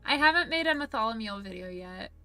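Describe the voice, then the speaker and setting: A woman's voice: a little high, lively intonation, brisk, sharp tone, soft background music. A woman streamer in casual livestream chat, reading viewer messages aloud in a chatty, giggly way.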